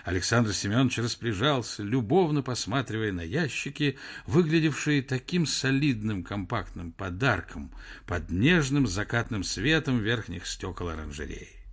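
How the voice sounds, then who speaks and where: A man's voice: lowish voice, lively intonation, moderate pace, breathy edge. A man narrating a story in a scripted audiobook style.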